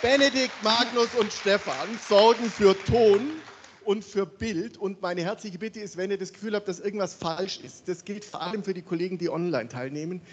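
Man hosting a conference opening, high-voiced. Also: normal speed, lo-fi sound, slight background noise. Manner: animated, calling out names to the audience. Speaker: conference host. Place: large conference hall with audience. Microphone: handheld microphone.

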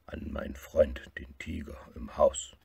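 Storybook: gruff little male bear, slow, deep, rough husky texture; a man voices him. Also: steady tone, mellow, exaggerated voice. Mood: gentle. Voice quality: gravelly and husky. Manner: slow and low, often half-whispered. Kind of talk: storybook reading.

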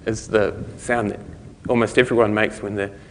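Low-voiced New man lecturing, echoey hall. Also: little pitch movement, slight background noise. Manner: halting, informal explanatory delivery with trailing thoughts. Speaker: conference speaker. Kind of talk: technical lecture to an audience. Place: conference lecture room, indoors. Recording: reverberant hall recording.

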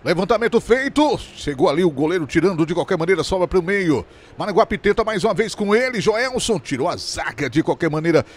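Animated, high-pitched football commentator, male. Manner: stretches key words into drawn-out cries. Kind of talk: excited live football commentary.

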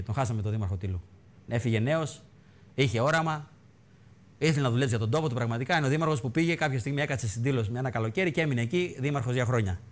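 A man hosting a TV show, giving mocking, theatrical satirical commentary on politics. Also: mid-range voice. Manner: mocking, theatrical, mimics bells and voices. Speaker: TV show host.

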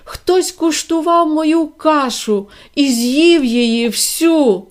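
A woman's voice: sits high, takes it slowly, voice pushed up. A woman voicing a tiny whimpering bear cub in a storybook reading, with a thin, piercing little voice.

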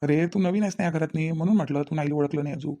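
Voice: medium pitch, very fast, warm tone, close to an everyday voice. A performer voicing a young husband in a cartoon, coaxing and pleading, caught between wife and mother, with a Vidarbha Marathi accent. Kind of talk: cartoon voice acting.

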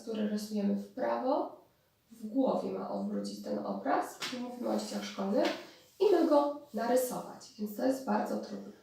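Brief: woman therapist lecturing, a bit high and gravelly, recorded far off in a roomy hall. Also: mellow. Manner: explanatory, with restarts and hesitations. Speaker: speech therapist. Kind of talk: spoken lecture on therapy methods. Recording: distant mic in very echoey room.

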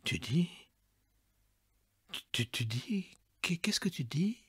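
Broken father in a spoken story, read by a man, husky hushed voice, slow. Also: fairly high pitch, very animated, pitched above the performer's own voice, full character voice. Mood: stunned. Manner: faint, stammering, shaking. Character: trembling, stunned widowed father.

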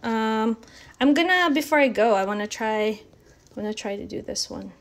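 A woman's voice: fairly high pitch, lively intonation, normal speed. A woman giving a casual live painting lesson from home, chatty and encouraging as she thinks aloud. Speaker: art instructor.

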